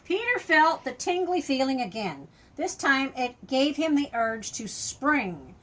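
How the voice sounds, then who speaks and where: Her voice sits high and moves a little slowly as this older woman reads a children's story aloud. In a grandmotherly storyteller style, she offers simple, expressive explanations to a young child.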